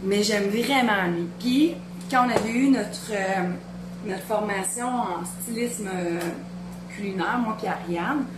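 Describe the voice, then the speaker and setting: A woman's voice: mid-range voice, slow, echoey room, background noise. A woman in her thirties with a Beauce Quebec French accent, chatting casually while she cooks in her home kitchen and rambling on with family off camera. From Quebec, Beauce region. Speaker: home cooking vlogger.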